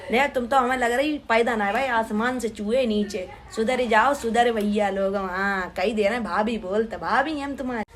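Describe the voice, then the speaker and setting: Young woman with a rustic badaun accent, high sharp voice, reading out comments and snapping back at them, blunt and sarcastic. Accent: rural western Uttar Pradesh (Badaun). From Badaun, Uttar Pradesh, India. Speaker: vlogger reading viewer comments. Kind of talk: casual comment-reply vlog.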